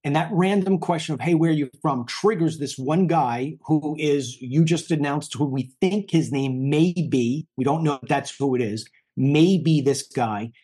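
Husky, heated man in his fifties. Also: on the high side, normal speed, hardly any pauses, mellow. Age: 50s. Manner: heated, emphatic, repeats himself. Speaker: news show host. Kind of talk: political commentary.

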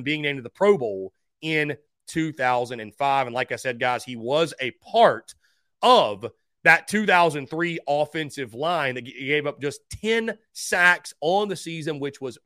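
Higher-voiced man hosting a sports countdown, dry sound. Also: bright, forceful tone, dry recording. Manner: emphatic announcing of each ranking and name, addressing listeners as guys. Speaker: sports host counting down a ranked list. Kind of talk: top-five countdown sports commentary.

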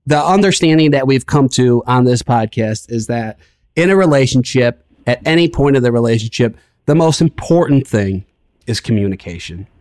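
A man's voice: mid-range voice, lively intonation, normal speed, a little mellow, no room sound, clean studio sound. Casual, swearing male podcast co-host. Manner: loose, filler-heavy, with swearing. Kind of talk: casual chat.

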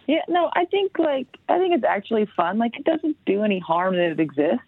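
A woman's voice: fairly high pitch, big pitch swings, a little fast, husky, no echo. A woman joining a sports podcast panel remotely, easygoing and upbeat, with many fillers. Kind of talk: casual sports chat. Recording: tinny phone line.

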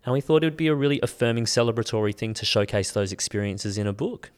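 A man with an Australian accent, a guest author talking in a podcast interview, animated and expressive with frequent ums. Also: mid-range voice, fast talker, smooth.

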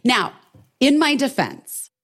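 A woman co-hosting a podcast, telling a story in casual chat, animated and swearing freely while acting out what others said. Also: high voice, slow. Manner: animated, swears a lot, acts out quotes. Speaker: podcast co-host.

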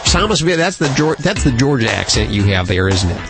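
Guy hosting radio, casual playful banter, lively pitch swings, music under him. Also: fairly quick, creaky. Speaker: radio host.

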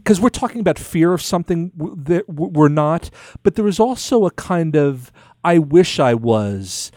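A man's voice: a little high, moderate pace, a little mellow, dry recording, clean studio sound. A man hosting a podcast interview, asking long, meandering questions with many restarts. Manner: rambling, searching questions with restarts. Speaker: podcast host. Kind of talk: casual interview.

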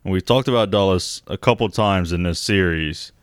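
A man with a low voice co-hosting a loose, profane podcast chat. He laughs easily and slips into mock voices when he quotes people. The sound is dry and close, with no room echo. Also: moderate pace, smooth. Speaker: podcast co-host. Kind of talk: casual conspiracy podcast chat.

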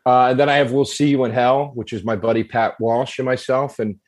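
A man's voice: mid-range voice, steady tone, brisk. A man chatting casually as a guest, talking through his podcasts. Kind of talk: casual chat.

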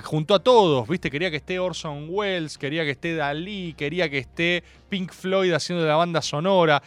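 A young man with an Argentine accent hosting a radio show, rambling through stories in an animated, jokey way. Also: on the high side, no echo. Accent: Argentine Spanish. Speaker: radio host. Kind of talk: casual radio monologue.

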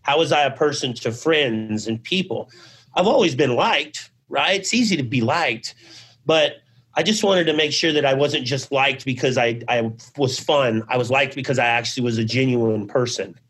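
A man's voice: mid-range voice, moderate pace, fairly bright tone, husky. A middle-aged man telling his life story as an interview guest, loose and conversational, peppered with "you know" and "man", acting out old conversations. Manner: acts out remembered conversations. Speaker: interview guest, business founder.

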